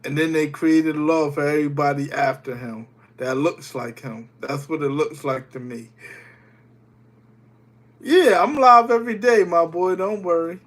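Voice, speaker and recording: A young man with a slightly high, slightly slow voice is livestreaming while recovering from a cold. He chats loosely with his viewers and greets them by name.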